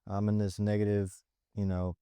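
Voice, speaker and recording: A man's voice: lowish voice, normal speed, clean tone, no room sound. A young man co-hosting a podcast who talks candidly and loosely about his own life, with lots of filler words and restarts. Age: young adult. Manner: relaxed and candid, with many likes and restarts. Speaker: podcast co-host and Navy recruit. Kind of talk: casual reflective chat.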